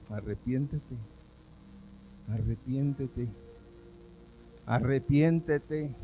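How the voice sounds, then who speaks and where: Emotional pastor preaching. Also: male voice, medium pitch, mellow, poor audio. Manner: emotional storytelling, acting out his own past words. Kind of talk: sermon with personal testimony. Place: church service.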